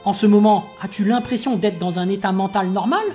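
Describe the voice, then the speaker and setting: A woman voicing a calm, analytical teenage girl ninja who explains things evenly, during a manga recap. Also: medium pitch, brisk, soft background music, lightly acted.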